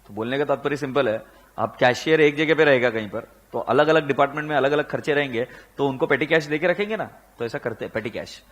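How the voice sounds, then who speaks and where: A man with an Indian accent teaching accounts, telling animated anecdotes and acting out the people in them, with rhetorical questions to his students. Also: medium pitch, fast. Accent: Indian, Pune area. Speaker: accounts lecturer. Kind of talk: storytelling lecture mixing Hindi and English.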